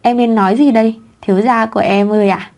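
A woman voicing a sharp-tongued young wife in a read-aloud story, in her own plain voice. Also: on the high side, steady tone, quick pace, lightly acted. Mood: coy.

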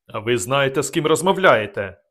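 A man's voice: a little high, lively intonation, a little fast, fairly bright tone. An arrogant bullying nobleman who speaks haughtily through gritted teeth, done by a man reading aloud. His voice stays close to the narrator's own. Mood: haughty. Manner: haughty, hissing.

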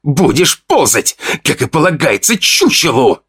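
A man voicing a vicious teenage boy bully with a hoarse, spitting snarl. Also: a little high, very animated, a little slow, fairly bright tone, voice pushed up, heavily acted. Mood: snarling, taunting.

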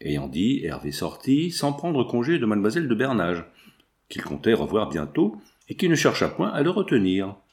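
A man narrating a classic novel as an audiobook in a measured, expressive reading. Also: on the low side.

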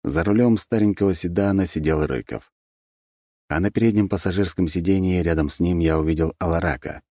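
A man narrating a fantasy audiobook in an even, measured storytelling manner. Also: sits low, no room sound, studio quality. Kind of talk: scripted narration.

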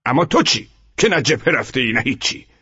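A man's voice: medium pitch, big pitch swings, pushed and bright, husky, exaggerated voice. An actor playing a stern, scornful male army sergeant who barks orders and scolds, in an audiobook drama, on a dull lo-fi recording. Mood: scolding.

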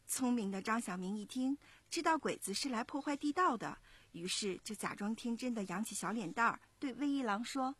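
A woman in her thirties narrates a children's story with expressive, measured pacing. Her voice is slightly husky. The sound is dry and close. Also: fairly high pitch, no echo. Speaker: parent storyteller.

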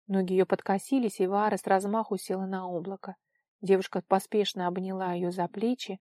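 A woman narrating a fantasy audiobook in an expressive storytelling manner. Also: mid-range voice, a little fast, no room sound, studio quality.

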